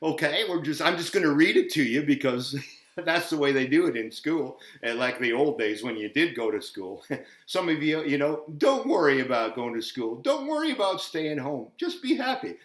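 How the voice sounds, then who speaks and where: A man's voice: a little high, sing-song, normal speed, a bit bright. A man hosting a children's show, chatting playfully with lots of giggles and reading a storybook aloud. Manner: giggly, talks to kids. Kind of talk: playful kids' show chat and read-aloud. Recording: roomy echo, faint music.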